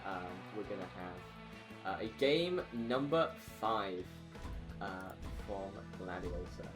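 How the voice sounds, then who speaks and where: Slow and expressive, a man with a lowish voice commentates a fighting game tournament play by play. He's casual and hesitant, frequently repeating words mid-phrase, with game music in the background.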